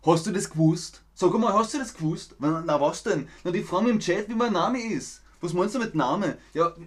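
A man acting out an excitable guy chatting in dialect, in fast, eager, high-pitched banter. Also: lightly acted. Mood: excited.

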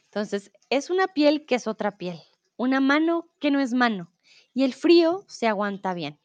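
With a high-pitched, lively voice, a Spanish teacher works through riddles in a live online class, reading each one slowly and deliberately and responding patiently to chat replies. Spanish, English and German all come into her explanations. The recording is muffled but free of echo.

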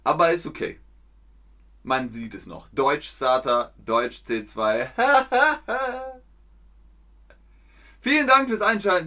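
A man teaching German in a livestream, speaking slowly and clearly with playful high jumps in his voice. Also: pushed and bright. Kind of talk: livestreamed language lesson.

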